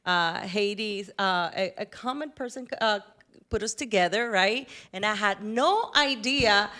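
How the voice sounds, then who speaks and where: A woman with a Spanish-speaking Caribbean accent hosts a podcast interview in a casual, chatty style, effusive and affectionate and laughing often. Her voice is mid-range, bright, and forceful in tone, and she speaks unhurriedly.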